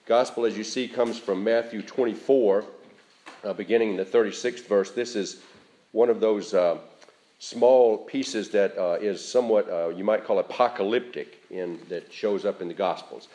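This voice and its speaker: A man preaching a sermon, speaking in a measured, conversational way with frequent fillers and restarts. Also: fairly low pitch, warm tone. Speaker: pastor.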